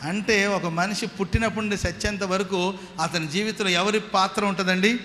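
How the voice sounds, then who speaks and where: A man's voice: high-pitched, fairly even intonation, moderate pace, sharp tone. A man with a Telugu accent preaching a sermon as pastor, firing rhetorical questions at the congregation and answering them himself. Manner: call-and-response preaching with rhetorical questions and repeated hallelujahs. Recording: long hall reverb with faint noise.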